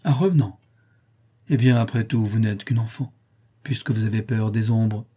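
A man voicing a blunt but kindly apothecary in an audiobook reading, asking brisk questions. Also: fairly low pitch, steady tone, mellow, husky. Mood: questioning. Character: kindly blunt male apothecary, middle-aged.

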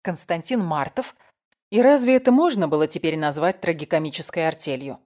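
Low-voiced woman narrating a thriller. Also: fairly quick, darkish tone. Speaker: audiobook narrator. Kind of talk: dramatic audiobook narration.

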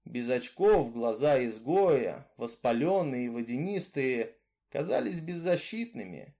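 A man reading a story aloud with expressive, dramatic narration. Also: medium pitch, unhurried, vocal fry. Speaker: story reader.

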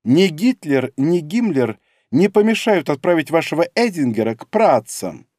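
A man's voice: a little high, very animated, moderate pace, a little mellow, no echo, studio quality, voice pushed up. A man voicing a cold, domineering woman spy in an audiobook, icy and mocking in manner. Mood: commanding. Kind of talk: audiobook character reading.

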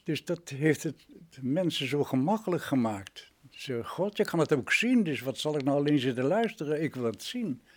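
On the high side and expressive, the voice of a retired Dutch radio drama director in his nineties moves at normal speed with few pauses. Interviewed, he reminisces through vivid examples and rhetorical questions.

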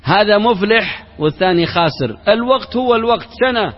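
A man's voice: sits high, expressive, fairly quick, breathy edge. A man, an Islamic sheikh, giving a religious lecture built on rhetorical questions and parables, mixing formal speech with everyday colloquial words. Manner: mixes formal Arabic with colloquial. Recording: reverberant hall, dull lo-fi sound.

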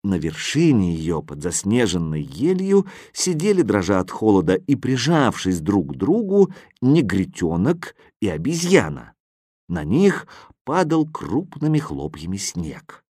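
Expressive man reading a children's audiobook. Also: deep voice, a little slow, dry recording, clean studio sound. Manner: expressive, first-person boy narrator. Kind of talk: audiobook narration.

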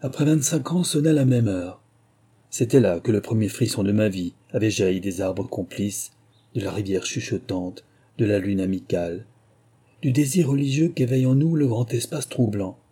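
A man narrating a literary short story in a slow, measured, lyrical manner. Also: on the low side, mellow, breathy edge.

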